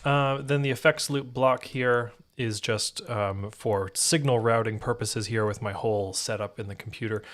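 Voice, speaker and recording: Casual man demoing guitar gear. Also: fairly low pitch. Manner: relaxed, rambling, with fillers and self-corrections. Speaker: podcast host demoing guitar gear on a live stream. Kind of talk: casual live-stream gear demo.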